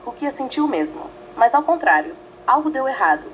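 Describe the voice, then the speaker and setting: A woman's voice: sits high, sing-song, slight background noise, poor audio. Dramatic woman storyteller, faint ambience. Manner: dramatic, measured reading in short phrases. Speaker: narrator. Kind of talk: scripted fanfiction narration.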